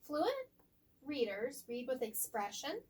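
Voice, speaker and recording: A woman tutoring a student one-on-one in reading, asking patient guiding questions and explaining slowly, sometimes softly. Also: high voice, animated, breathy edge. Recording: voice picked up from a distance.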